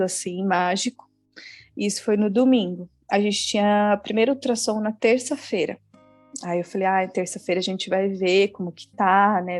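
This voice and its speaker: A woman's voice: medium pitch, a little mellow, no echo. A young adult woman from Brazil, an interview guest, telling a personal story in an earnest, emotional way, often adding small fillers.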